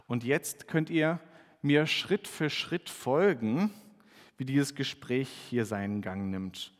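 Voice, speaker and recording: A man reads scripture and then preaches, turning to a plain, explanatory, conversational delivery with the odd restart. His mid-pitched voice fills a church, where a long reverb trails each phrase. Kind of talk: scripture reading and sermon.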